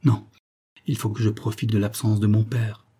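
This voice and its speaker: A breathless, anxious young woman pressing her urgent request, as a male reader puts her on in a storybook. The voice stays dark and husky. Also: lowish voice, flat delivery. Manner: hurried, urgent.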